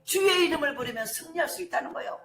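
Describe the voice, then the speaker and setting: A high-pitched middle-aged woman pastor delivers an impassioned sermon, dropping to near-whispers and then rising to shouts. Her voice rings through a reverberant church hall. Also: lively intonation, fast. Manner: impassioned preaching, swinging from hushed storytelling to shouted declarations. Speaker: senior pastor. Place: church sanctuary.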